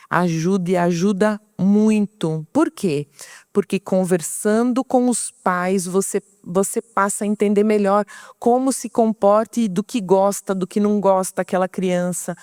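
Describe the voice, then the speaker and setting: A woman's voice: medium pitch, darkish tone, dry recording, studio quality. A middle-aged woman with a Brazilian Portuguese accent, giving an informal talk and explaining patiently, often asking and answering her own questions.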